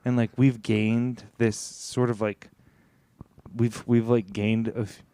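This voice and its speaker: A man's voice: mid-range voice, level tone, takes it slowly, warm tone, clean tone, no room sound. A man in his thirties co-hosting a comedy podcast, rambling in a mock-earnest way. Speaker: podcast co-host. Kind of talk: casual comedic chat.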